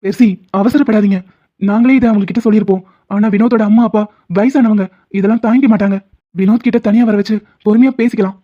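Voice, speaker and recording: A woman voicing a calm young cartoon man. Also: medium pitch, fast, close to an everyday voice. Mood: soothing. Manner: steady, soothing, firm. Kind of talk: Tamil cartoon dubbing. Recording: dull lo-fi recording.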